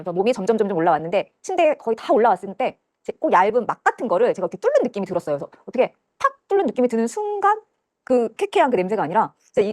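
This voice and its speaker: Young woman, earnest testimony, very quick, dry recording. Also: mid-range voice, a little mellow, dry recording. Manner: earnest, rushed storytelling, acts out quoted voices. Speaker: testimony guest. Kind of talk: personal testimony interview. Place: church studio.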